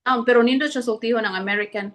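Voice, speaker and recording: Bright-voiced woman in casual chat. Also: a little high, quick pace. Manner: thoughtful, switches between English and Cebuano. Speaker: podcast co-host.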